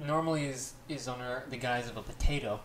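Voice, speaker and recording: A man's voice: mid-range voice, brisk, a bit bright, roomy sound, a little hiss or hum, low-quality recording. A man, a podcast guest, chatting casually in a rambling, self-deprecating way. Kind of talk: casual chat.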